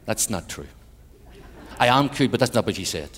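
An Irish man preaching an evangelistic sermon with personal testimony in a large church, swinging between loud emphatic peaks and hushed passages, with wry humorous asides. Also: on the low side, very animated, normal speed, slight background noise. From Ireland. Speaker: guest preacher, minister to Europe. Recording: church hall with long reverb.

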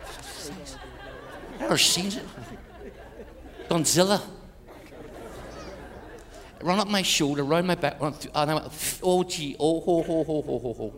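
Older Irish missionary preacher, joking storyteller; echoing hall sound. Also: male voice, fairly high pitch, a little hiss or hum. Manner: animated, jokey storyteller. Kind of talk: storytelling sermon. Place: church hall with a congregation. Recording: echoey hall, faint ambience.

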